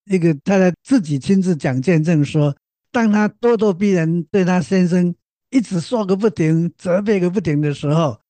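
A man with a fairly high but mellow voice gives advice on a faith talk show. He explains his point and asks questions of the listener. The sound is dry. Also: normal speed, dry recording. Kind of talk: conversational counsel talk.

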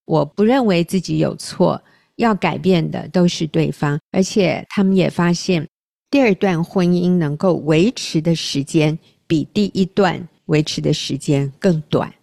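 Earnest woman radio host, low voice. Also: a little slow, gravelly, dark tone, no room sound, studio quality. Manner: earnest, reflective, self-deprecating. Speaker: radio talk show host.

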